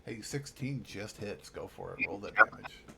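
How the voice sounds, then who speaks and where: Deep, creaky-voiced man running a tabletop game. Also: moderate pace, sharp tone. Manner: easygoing, repeats phrases. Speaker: game master. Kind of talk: casual tabletop game narration.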